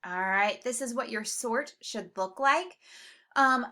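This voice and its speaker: Woman teacher, bright tone, slow measured delivery, stretches out example words for young spellers. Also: fairly high pitch. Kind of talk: spelling lesson for students.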